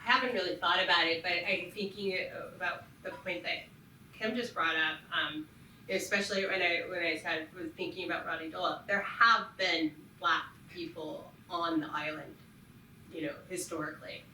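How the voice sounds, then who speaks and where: A woman's voice: on the low side, steady tone, normal speed, sharp tone, a little hiss or hum. A woman speaking reflectively and steadily on a panel. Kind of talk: panel discussion. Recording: echoey room, far from mic.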